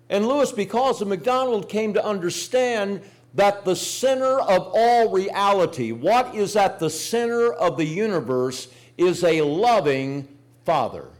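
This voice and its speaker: An older man preaching a sermon, telling folksy personal stories and rising to emphatic points. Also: sits high. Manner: folksy storytelling with emphatic rises. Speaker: pastor.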